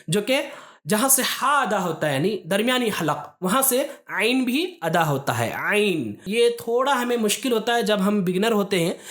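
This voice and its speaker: A woman teaching a recitation lesson, explaining letter pronunciation step by step and pausing often to check that students follow. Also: medium pitch. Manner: patient, step-by-step explaining with frequent "theek hai" checks.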